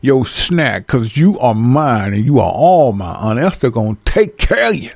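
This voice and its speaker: A man's voice: mid-range voice, sing-song, normal speed, gravelly, a little mellow, dry recording, clean studio sound. Man doing a doting older woman.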